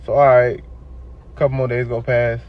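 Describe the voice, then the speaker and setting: A man's voice: mid-range voice, flat delivery, moderate pace. A young man tells a personal story casually, acting out the quoted dialogue. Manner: loose, conversational retelling with quoted dialogue. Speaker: storyteller in a played clip. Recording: slightly dull lo-fi clip audio.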